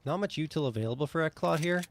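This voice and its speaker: A man doing live esports play-by-play as a caster, his voice climbing excitably with the action. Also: fairly high pitch, fast talker.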